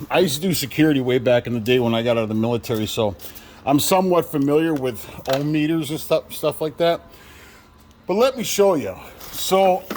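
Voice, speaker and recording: A middle-aged man talks through a repair in his own shop, frank and rambling, often restarting his sentences. His voice sits at an ordinary pitch, and a faint hum of the workshop stays behind him. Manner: rambling, self-correcting, frank. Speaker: vlogger working on his truck. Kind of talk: casual how-to explanation in his shop. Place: cluttered home workshop.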